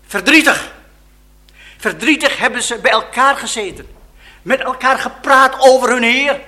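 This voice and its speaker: Slow dramatic high-voiced male preacher. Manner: dramatic storytelling, slow and expressive. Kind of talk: sermon.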